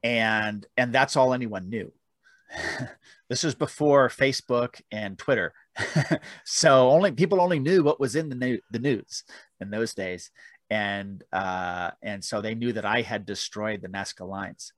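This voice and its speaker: A man's voice: lowish voice, measured pace, dry recording. A man guest telling rambling, self-deprecating stories about his book in a casual interview, with frequent restarts. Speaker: author guest.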